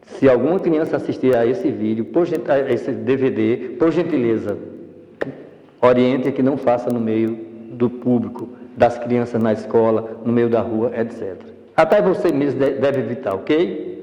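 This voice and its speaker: Brazilian male speaking coach, explains patiently, dark relaxed voice, reverberant room. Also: medium pitch, moderate pace, dull audio. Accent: Brazilian Portuguese. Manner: didactic, explanatory, demonstrates voice tones. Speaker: public speaking instructor. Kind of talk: instructional speaking course. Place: studio.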